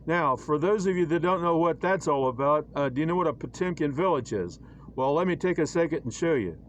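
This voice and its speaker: A man giving casual commentary on his own church illustrations, halting with many fillers and a wry, preachy tone. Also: fairly high pitch, animated, a little hiss or hum. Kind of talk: casual screen-share commentary.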